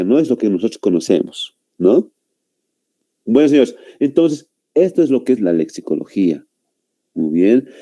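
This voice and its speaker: A man teaching a grammar class in a very dark, mellow voice. His pitch moves a lot as he explains each point. He keeps stopping to check that his students are following. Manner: explains slowly, often checks with "¿no?" and "muy bien". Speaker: language teacher. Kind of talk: online grammar lesson.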